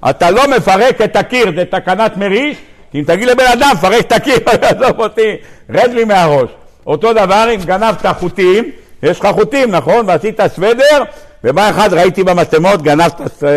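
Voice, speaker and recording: Rabbi guy, high voice, acts out all the stories in his torah class. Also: creaky. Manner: animated storyteller who acts out quotes and asks the audience questions. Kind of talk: Torah lecture to a congregation. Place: synagogue lecture hall.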